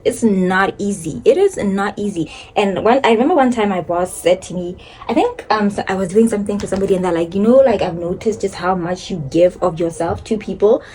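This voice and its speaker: A woman's voice: mid-range voice, animated, a little fast, few pauses, warm tone, a little hiss or hum. A young woman chatting casually to a phone camera while doing her makeup, rambling and laughing often. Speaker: beauty and lifestyle vlogger.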